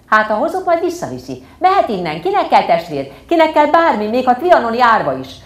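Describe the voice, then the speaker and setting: A woman voicing a furious little girl who screams and stamps in a tantrum. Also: animated. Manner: shrill, shouting.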